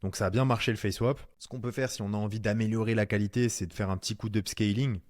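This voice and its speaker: A man's voice: on the low side, steady tone, quick pace, a little mellow, no room sound, studio quality. A man giving a casual screen-recorded tutorial in French, chatty and slangy, talking straight to the viewer as "tu". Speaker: online course instructor.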